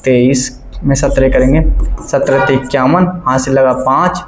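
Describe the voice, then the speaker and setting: A man's voice: medium pitch, fairly even intonation, normal speed. Male math teacher, classroom lesson, keeps quizzing the students; roomy, echoey sound. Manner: keeps asking the class questions and checking they follow; works sums aloud step by step, repeating numbers. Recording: echoey classroom, faint background noise.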